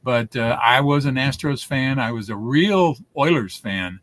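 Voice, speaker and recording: A man's voice: mid-range voice, a little slow, a crowd in the background. Rambling man in his seventies. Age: 70s. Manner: rambling, storytelling with many restarts. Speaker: guest. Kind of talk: casual interview chat.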